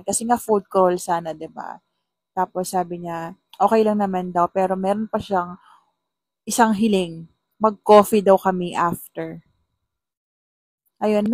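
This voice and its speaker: A young woman vlogger telling a personal story in a chatty, animated way, with exasperated asides. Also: medium pitch, dry recording. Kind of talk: casual storytelling vlog.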